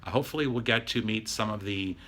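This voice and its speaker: A middle-aged man with a very low voice that still has a bright, forward edge. He speaks casually, as in a personal video diary, choosing words haltingly and with earnest reassurance. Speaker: video diarist, patient recovering from surgery. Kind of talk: casual vlog talk to camera. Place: hospital room.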